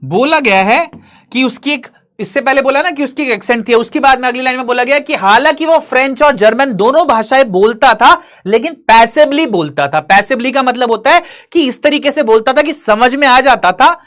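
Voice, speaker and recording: A man teaching an English story to students, reading lines slowly and explaining them in Hinglish. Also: very high-pitched, animated, a bit bright. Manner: addresses students directly, asking and answering his own questions.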